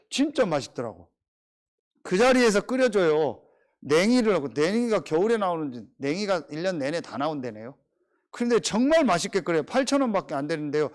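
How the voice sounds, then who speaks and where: A man's voice: high voice, brisk. A middle-aged male pastor preaching a sermon, telling everyday stories and repeatedly firing rhetorical questions at the congregation. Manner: animated, rhetorical questions, storytelling.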